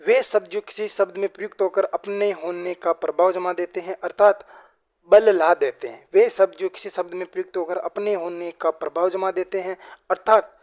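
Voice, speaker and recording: A man teaching a grammar lesson for exam preparation. He asks questions and answers them himself, fills nearly every phrase with the same address to his viewers, and slows down to read example sentences aloud. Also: sits high, fairly even intonation, a little mellow. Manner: repeats "साथियों" and "बिल्कुल" constantly.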